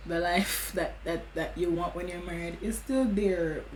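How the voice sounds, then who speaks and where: A woman's voice: lowish voice, unhurried, roomy sound, a little hiss or hum, poor audio. A woman chatting casually, emphatic and affirming. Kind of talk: casual chat.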